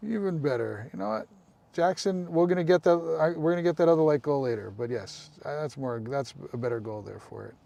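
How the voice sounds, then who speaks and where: A man's voice: on the high side, lively intonation, brisk, vocal fry, warm tone. A man hosting a casual live stream, chatting with viewers, calling them by name and making apologetic asides.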